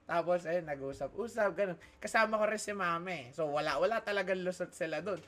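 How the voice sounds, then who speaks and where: Young man, high voice, animated storyteller in a casual chat, swears, gets loud. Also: brisk. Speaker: student telling a story.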